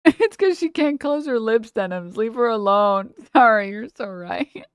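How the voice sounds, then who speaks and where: A woman's voice: a little high, expressive, a little slow, clean tone, no echo. Casual woman streamer, dry close sound. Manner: casual, mocking, swears freely. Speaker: livestream host. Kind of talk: casual reaction commentary.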